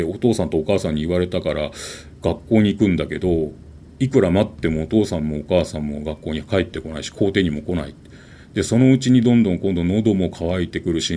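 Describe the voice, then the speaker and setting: A man telling a ghost story in an animated, dramatic way, with vivid sound words. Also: deep voice, slight background noise.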